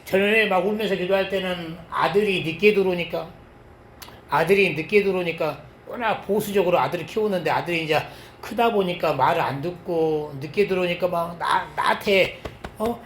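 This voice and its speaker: A middle-aged male pastor preaches a sermon with a personal testimony, telling it with lively swings between loud exclamations and quiet asides. His voice sits fairly high for a man. The sound carries the echo of a church sanctuary over a faint hiss. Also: normal speed. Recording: echoey church hall.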